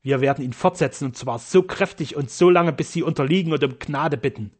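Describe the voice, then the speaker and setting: A man's voice: on the high side, fairly quick, lightly acted. A man reading an audiobook voices a vengeful doctor who mutters threats. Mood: menacing. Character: menacing male doctor, vengeful schemer.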